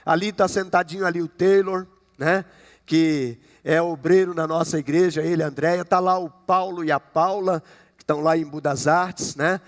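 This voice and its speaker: A man's voice: fairly high pitch, fairly even intonation, moderate pace. A man in his fifties from Brazil, a pastor preaching a conversational sermon to his congregation, often checking in with "né?". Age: 50s. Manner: conversational preaching with frequent "né?" and jokes. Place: church sanctuary. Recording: long hall reverb.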